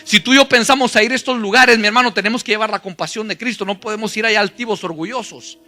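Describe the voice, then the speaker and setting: A man from Guatemala with a Guatemalan Spanish accent, a pastor preaching a sermon and telling his own testimony, rising into loud fervent preaching. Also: high voice, fairly even intonation, quick pace, soft background music.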